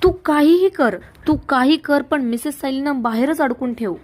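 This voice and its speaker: A woman's voice: high-pitched, moderate pace, a little mellow, voice pushed up, lightly acted. Arjun, a woman voicing a coaxing young husband. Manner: wheedling then ordering. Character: young businessman husband, pleading and bossy.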